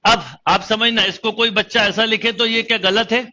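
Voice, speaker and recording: A man's voice: sits high, steady tone, moderate pace, sharp tone, muffled recording. A man teaching a math lesson online, explaining step by step and quizzing his students as he goes. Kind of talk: online exam-prep lecture.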